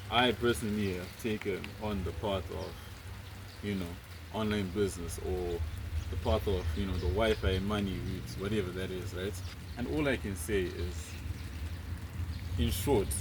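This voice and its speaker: A man in his twenties from Zimbabwe, talking casually and earnestly to camera, rambling with lots of fillers. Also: fairly low pitch. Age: 20s. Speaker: vlogger. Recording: noticeable background noise, rain.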